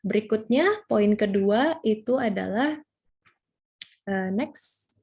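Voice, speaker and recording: A woman's voice: mid-range voice, animated, takes it slowly, darkish tone, husky. Chatty woman giving a lesson. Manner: casual, chatty, many fillers. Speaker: public speaking trainer. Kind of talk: slide presentation lesson.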